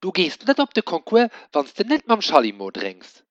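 A man puts on a fussy rich lady who calls for her spoiled pet in a piercing, high, loud voice. Her pitch swings around wildly as she fusses. The storybook reading is on a dull, dry lo-fi recording. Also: wildly swooping pitch, normal speed, dry recording. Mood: shrill scolding. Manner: shrill, calling out. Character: fussy shrill rich woman doting on pets.

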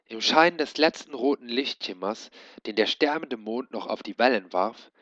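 A man teaching, reading a book aloud slowly and explaining for learners. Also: medium pitch, fairly bright tone, no room sound. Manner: slow, explaining. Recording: dull, dry lo-fi recording.

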